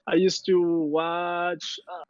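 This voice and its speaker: Young man, halting English, high voice, dull dry lo-fi mic. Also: little pitch movement, a little mellow, clean tone, no echo. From Latin America. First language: Spanish. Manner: halting, searching for English words. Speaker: esports player guest. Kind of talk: casual interview chat.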